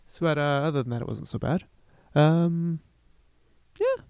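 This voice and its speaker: A man co-hosting a casual radio talk show from a studio, rambling with halting restarts. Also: fairly high pitch, wildly swooping pitch, dark tone, smooth, no room sound. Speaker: co-host.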